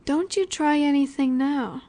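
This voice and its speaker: Playing a cocky female werewolf alpha for a flirty audio roleplay, a woman speaks high and warm, a little slowly, savoring each phrase. Her mood is flirty and commanding, and she teases with total confidence that she's in charge.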